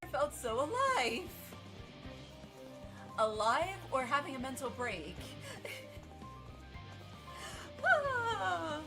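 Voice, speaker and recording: A woman's voice: high-pitched, wildly swooping pitch, very slow, pauses often, over music. Giggly emotional woman streamer. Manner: giggly, self-mocking and emotional. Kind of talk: casual live-stream chat.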